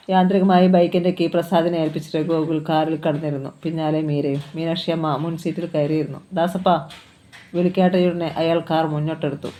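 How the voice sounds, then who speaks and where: A reader narrating a novel aloud in a steady storytelling manner. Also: mid-range voice.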